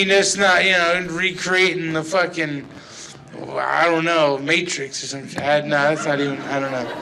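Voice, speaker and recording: Through an old-style handheld stage mic and a rough recording, a young man with a high voice delivers a rambling, profane stand-up routine in a small bar, frequently cracking himself up.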